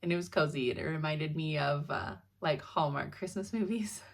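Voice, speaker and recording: A woman's voice: low-pitched, normal speed, vocal fry. A young woman in casual, rambling chat as a cross-stitch vlogger at home, sounding sleepy and laughing often.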